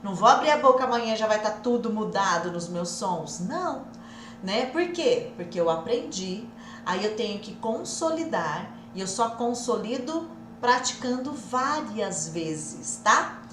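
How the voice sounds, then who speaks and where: A Brazilian woman teaching a live English lesson, drilling phrases over and over in a lively, repetitive way. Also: medium pitch, measured pace, reverberant, background noise. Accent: Brazilian Portuguese.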